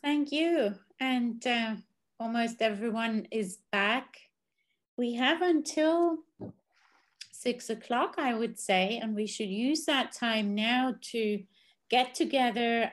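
A woman moderates an online panel from her office over a video call. Her voice sits a little high, and she speaks slowly, pausing to frame each thought before she asks her question. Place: office with bookshelves.

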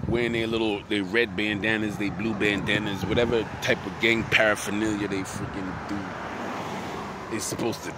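A man's voice: fairly low pitch, little pitch movement, normal speed. A man giving a profane, rambling street monologue outdoors, chuckling often as he talks. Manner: profane, loose, breaks into frequent chuckles. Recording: street traffic noise behind.

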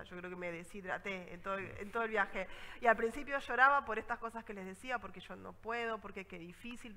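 Una mujer con acento rioplatense que da una charla de viajes y cuenta anécdotas con viveza, imitando a la gente de sus historias. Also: female voice, fairly high pitch, big-room sound, rough recording. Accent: Rioplatense Spanish. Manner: lively storytelling, acts out scenes. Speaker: travel speaker. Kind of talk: conference talk with anecdotes.

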